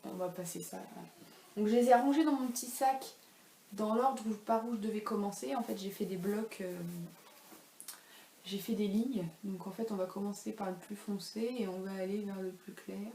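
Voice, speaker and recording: A woman's warm, mid-range voice, with fairly even intonation and a moderate pace, belongs to a knitting podcast host in her thirties. She chats casually and ramblingly at home, running herself down and using many fillers. The room echoes, and faint ambient noise can be heard.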